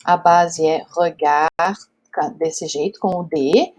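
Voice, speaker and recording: Here a woman from Brazil, accented in Brazilian Portuguese, leads a step-by-step whiteboard lesson on French grammar, checking in with students often and staying patient. Her fairly low voice is darkish and steady in tone, and she speaks slowly.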